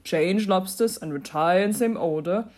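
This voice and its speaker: A woman's voice: on the low side, a little slow, darkish tone. A woman voicing a boisterous, blunt storybook Gryphon creature with an emphatic delivery. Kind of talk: storybook character voice.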